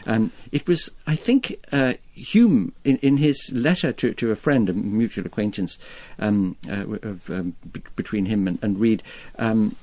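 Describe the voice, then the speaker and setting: A man taking part as a guest on an academic panel, talking eagerly with many halting restarts. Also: fairly low pitch, lively intonation, darkish tone, no echo.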